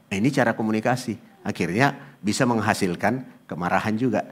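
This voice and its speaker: A male pastor preaching at an Easter service, telling animated family stories and often asking the congregation to agree. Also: fairly low pitch, fairly quick, slightly rough. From eastern Indonesia. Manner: animated storytelling with acted quotes; asks congregation "ya kan?". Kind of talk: sermon.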